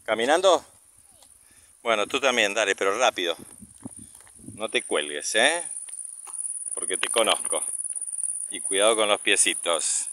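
Man, Rioplatense Argentine accent, bright forceful voice, casual father vlogging, noisy outdoor recording. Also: lowish voice, lively intonation, measured pace, pauses often. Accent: Rioplatense Argentine Spanish. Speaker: father filming a family vlog. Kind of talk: casual narration and chat with a child. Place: outdoors, walking along a path. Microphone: handheld camera or phone, held by speaker. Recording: outdoor recording with clear background noise.

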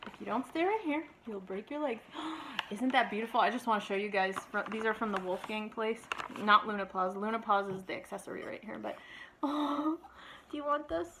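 A woman's voice: mid-range voice, fairly quick, background noise. A woman chatting casually in a home vlog, playfully baby-talking to her dog at a table. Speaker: vlogger, dog owner.

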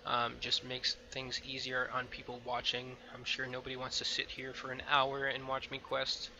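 A man's voice: mid-range voice, monotone, moderate pace, bright, forceful tone, dull audio, slight background noise. A man hosting a let's play, talking casually over his game with frequent ums and a loose, rambling manner. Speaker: gameplay video host. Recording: game music playing behind.

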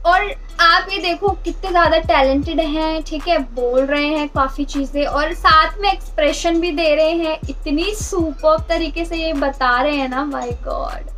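A woman gives casual reaction commentary on a comedy video, chatty and enthusiastic. Her voice sits high and she talks at an unhurried pace. Faint music plays behind her. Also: a bit bright. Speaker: reaction vlogger.

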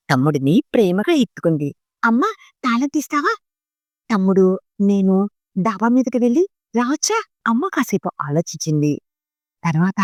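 A woman reading a short story aloud in a slow, expressive, gently dramatic way. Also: fairly low pitch, no echo, clean studio sound.

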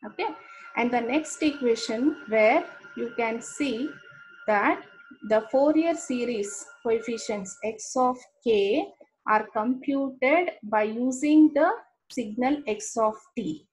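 A woman with an Indian English accent delivers an engineering lecture, explaining step by step, repeating terms, and often checking in with "okay." Her voice is on the high side with a darkish tone and a slow pace, captured in poor audio with a little hiss or hum.

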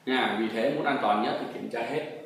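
Teacher in an echoey room. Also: male voice, medium pitch, moderate pace, creaky. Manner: coaxing, checks understanding with frequent tag questions. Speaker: math teacher. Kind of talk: explaining a textbook lesson. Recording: very echoey room, distant mic, faint noise.

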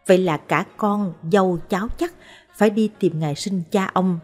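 A woman narrating short life stories in a calm, measured, scripted way. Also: mid-range voice. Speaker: storyteller. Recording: soft background music.

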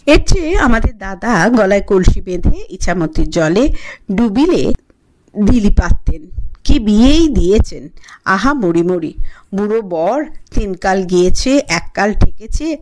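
A woman reading the lines of a teasing, sharp-tongued young village wife in an audiobook. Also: medium pitch, sing-song, unhurried, a little hiss or hum. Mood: mocking.

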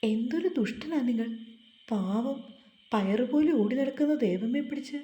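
A woman's voice: a little high, lively intonation, normal speed, mellow, reverberant, close to an everyday voice. A woman voicing a sulky, tender young village wife in a spoken storybook, with a pouting, pleading manner.

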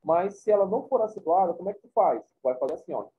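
A man's voice: sits high, lively intonation, fast, slight background noise. A man teaching a class, explaining points informally and often checking in with his students. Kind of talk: classroom lecture. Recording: tinny phone-like recording.

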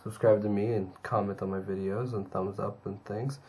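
A young man talking to his own camera in a casual daily vlog, rambling with fillers, hoarse and tired from a cold. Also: little pitch movement, moderate pace, a little mellow. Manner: low-key, rambling with fillers. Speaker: vlogger.

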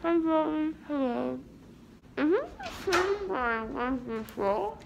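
A young woman, fresh out of wisdom teeth surgery, talks in a loopy, slurred way through a packed mouth. Her high voice drags very slowly and swings up and down. It is a noisy phone recording. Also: big pitch swings, gravelly. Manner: slow, loopy, slurred post-anesthesia talk. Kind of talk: casual chat. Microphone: phone at arm's length.

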